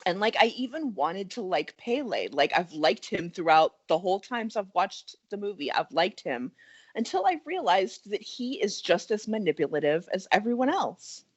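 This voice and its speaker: Woman, podcast co-host, expressive pitch, muffled sound. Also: moderate pace, husky. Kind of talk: casual movie discussion.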